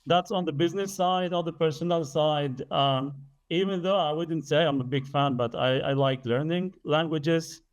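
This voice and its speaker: A man in his late thirties, a native Arabic speaker who develops energy business, appears as a podcast guest and explains things earnestly and carefully in conversation. His voice sits on the high side, at a normal speed.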